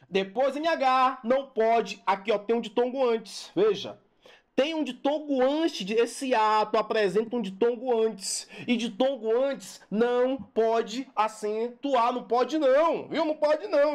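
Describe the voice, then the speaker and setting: A teacher giving an online grammar lesson for exam prep, playful and animated, calling out to the student and chanting rules over and over. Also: medium pitch, measured pace. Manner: playful, animated, talks straight to the student with repeated calls for attention.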